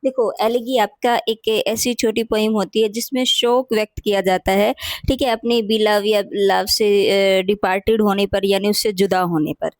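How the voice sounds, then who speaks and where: A woman's voice: medium pitch, fairly even intonation, normal speed, no echo. A woman hosting an exam-prep lesson, explaining patiently and repeating key points with frequent "theek hai" checks. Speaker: teacher and channel host.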